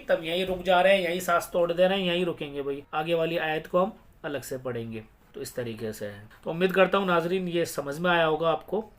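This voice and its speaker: A man teaching Quran reading in a recorded lesson, explaining the rules patiently and then spelling out words slowly, syllable by syllable. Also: a little high, fairly bright tone.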